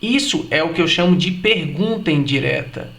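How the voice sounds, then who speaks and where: A man teaching an English grammar lesson, explaining patiently and slowing down to say example phrases. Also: a little high, animated, vocal fry, fairly bright tone, roomy sound.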